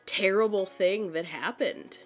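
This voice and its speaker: A congested woman co-hosts a casual podcast and drops wry, joking asides. Her voice has a middle pitch. Faint music runs underneath. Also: measured pace. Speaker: podcast co-host. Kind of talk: casual chat.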